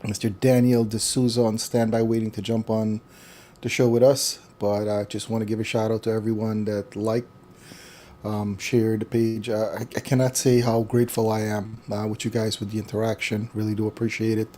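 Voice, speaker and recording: A man hosting a casual live online talk show over a video call, chatty and relaxed, with frequent fillers. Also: lowish voice, normal speed. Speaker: host.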